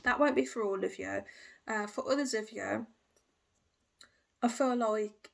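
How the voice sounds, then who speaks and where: A woman's voice: a little high, a little slow, creaky, a little hiss or hum. A woman giving a casual tarot reading, talking intuitively and hesitantly with restarts and "I feel" phrases. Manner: hesitant, hedging with frequent fillers and restarts. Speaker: tarot reader.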